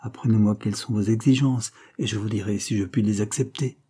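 A man's voice: fairly low pitch, steady tone, brisk, warm tone, breathy edge. A man reading an audiobook, voicing a gloomy, resentful impostor duke who speaks in a bitter, defensive way. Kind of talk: audiobook character voice.

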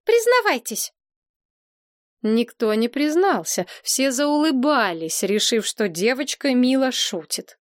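Woman narrator, children's story; lively, fairly high, dry. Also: unhurried, few pauses, no echo.

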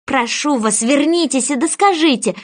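Woman doing a polite earnest little girl, dreamy, bright lively voice. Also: high-pitched, moderate pace, pitched above the performer's own voice. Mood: pleading.

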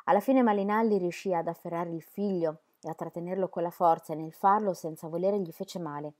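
A woman narrating an audiobook in a measured, expressive reading voice. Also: on the low side. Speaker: audiobook reader.

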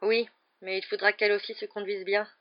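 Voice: medium pitch, little pitch movement, fairly quick, pitched above the performer's own voice, close to an everyday voice. Storybook teen boy: bitter, defiant, curt, as the reader voices him; lo-fi sound. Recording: dull lo-fi recording.

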